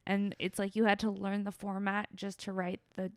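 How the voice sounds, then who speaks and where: A woman podcast host with a Valley girl accent and vocal fry, chatting casually and teasingly in slangy, like-filled sentences. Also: mid-range voice, monotone, moderate pace, no room sound. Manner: slangy, teasing, heavy use of "like". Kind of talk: casual comedic chat.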